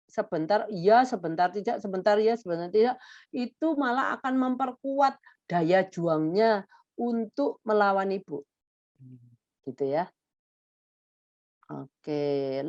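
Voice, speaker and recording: A woman's voice: mid-range voice, a little mellow, no echo. A woman, a child therapist, patiently explaining to parents how to handle their child's behavior, speaking directly to them in a conversational way. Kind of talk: conversational advice talk. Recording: dull, muffled sound.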